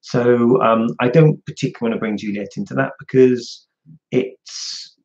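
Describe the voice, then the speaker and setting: A man's voice: mid-range voice, fairly even intonation, moderate pace, a little mellow. A man hosting a casual livestream, chatting frankly and answering viewer questions from home. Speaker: livestream host. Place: at home indoors. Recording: dull lo-fi home stream audio.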